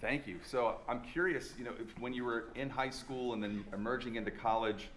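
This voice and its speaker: A man working as an assistant chaplain hosts a faculty talk, reading a formal introduction in a measured, courteous way and then asking questions. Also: mid-range voice, fairly bright tone. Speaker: assistant chaplain and interview host. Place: chapel center event space. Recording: echoey room with faint ambience.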